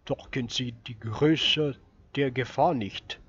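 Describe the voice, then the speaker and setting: A man voicing an old farmer who speaks loudly, in exclamations, as he reads a story aloud. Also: medium pitch, slow, slightly rough, lo-fi sound, heavily acted. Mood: earnest. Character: old male farmer, frightened, then grateful.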